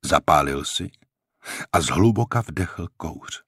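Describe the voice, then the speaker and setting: A man narrating an audiobook in a measured, even storytelling manner, close to a studio mic. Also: a bass voice, breathy edge, no echo.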